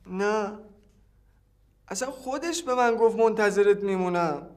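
A man's voice: high voice, natural voice. An actor playing an evasive man being questioned, who answers hesitantly and backtracks.

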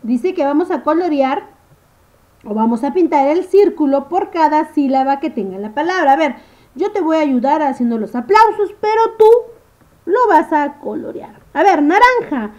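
A woman teaching a first-grade phonics lesson to young children. She talks slowly in a sing-song way, stretches out words and keeps checking in with the class. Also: high-pitched, lively intonation, a little mellow. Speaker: primary school teacher.

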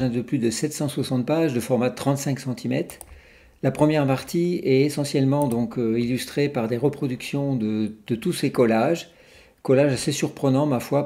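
A man, presenting a book for sale in an informal, halting way as a bookseller. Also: mid-range voice, mellow. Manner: halting, informal, pauses to search for words.

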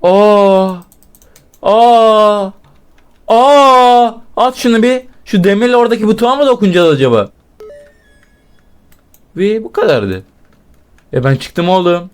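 Young male gaming YouTuber, high-pitched voice, foul-mouthed running commentary, yelps in fright, talks back at the game. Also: lively intonation, brisk, long pauses, clear, resonant tone. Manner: profane, shouts in fright, swears at the game. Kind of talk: casual let's-play commentary.

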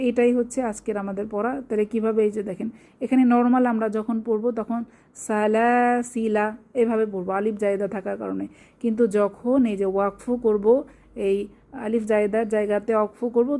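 Mellow-voiced woman teaching recitation rules. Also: a little high. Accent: Bangladeshi Bengali. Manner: patient explaining with check-ins to listeners. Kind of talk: online tajweed lesson.

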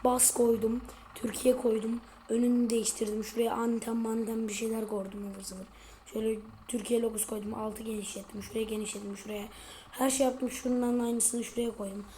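A woman giving casual commentary on her gameplay, chatty and excitable, often turning to address her viewers. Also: a little high, brisk, slight background noise. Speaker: gaming video creator.

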